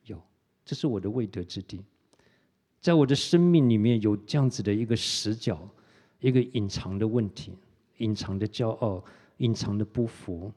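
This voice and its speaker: A middle-aged male pastor preaches to his congregation and tells a personal testimony in an animated way, with English phrases mixed into his speech. His voice is mellow and relaxed. A long reverb from a church hall trails each phrase. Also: lowish voice. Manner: animated storytelling, mixes English words into Mandarin, tag particle "哈".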